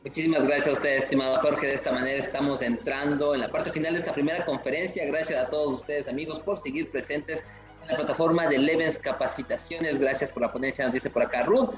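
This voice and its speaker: Male host, slightly high voice, roomy echo with faint music under him. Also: steady tone, quick pace, lo-fi sound. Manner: effusive, promotional, reads audience comments. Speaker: event host. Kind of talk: webinar hosting and promotion. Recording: echoey room with faint music.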